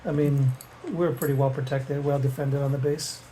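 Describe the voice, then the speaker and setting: A man's voice: medium pitch, normal speed, rough recording. Middle-aged man telling family stories. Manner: relaxed storytelling with chuckles. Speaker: interviewee, father. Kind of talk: casual family interview. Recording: faint background noise with clicks.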